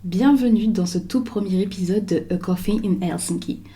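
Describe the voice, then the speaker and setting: A young woman hosts a podcast in a mellow, warm voice. She talks softly, pausing often and circling back with small fillers as she tells her story. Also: mid-range voice, faint music behind. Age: young adult. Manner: soft, hesitant with many fillers. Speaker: podcast host. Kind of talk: scripted intro then casual chat.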